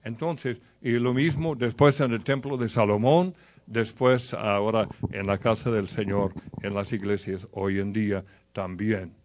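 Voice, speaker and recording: A man's voice: lowish voice, fairly even intonation, measured pace, a little mellow. A man preaching a sermon in a conversational way, telling stories and speaking directly to the congregation.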